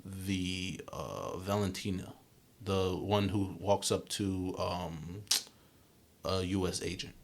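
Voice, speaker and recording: Young male podcast co-host, very low voice, loose rambling delivery full of "like" and "um". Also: fairly even intonation, takes it slowly, vocal fry. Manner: rambling, filler-heavy, lots of restarts. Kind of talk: casual chat.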